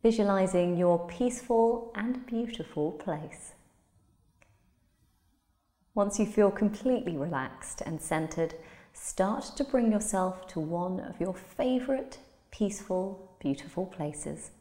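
A woman guiding a relaxation visualization in a slow, soothing, soft-spoken manner. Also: medium pitch, expressive. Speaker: meditation guide. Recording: roomy with long reverb.

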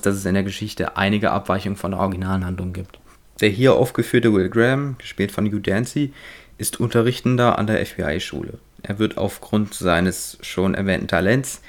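A man with a fairly low voice delivers a scripted film review for his channel. His delivery is measured and analytical, as he weighs up each aspect before giving his verdict.

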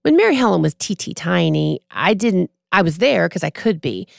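A woman in her forties, a podcast guest, telling a personal story in a casual, animated way and acting out what others said. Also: lowish voice, normal speed, creaky, no room sound, clean studio sound. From Texas. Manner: animated, acts out quoted voices.

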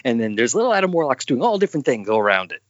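A man's voice: mid-range voice, sing-song, very fast, no room sound. Rambling man on a dull, dry recording. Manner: rambling, restarts sentences. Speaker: podcast co-host discussing comics. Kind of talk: casual chat.

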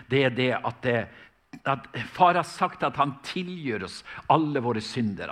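A man's voice: mid-range voice, fairly bright tone, breathy edge. A man from Norway, preaching a sermon and telling stories in a fervent, emphatic way, often restarting his phrases. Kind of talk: sermon with storytelling.

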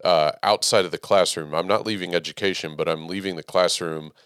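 A man hosting a casual interview, talking in a measured, even way that he calls monotone himself. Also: low-pitched, clear, resonant tone, no echo, studio quality. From Texas. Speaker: podcast host, theater educator.

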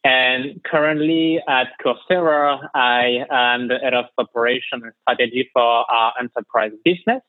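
This podcast guest is a man in his thirties from France with a French accent and a mid-range voice. He answers hesitantly in a remote interview, using many fillers. His call-line audio is dry and tinny, without room sound.

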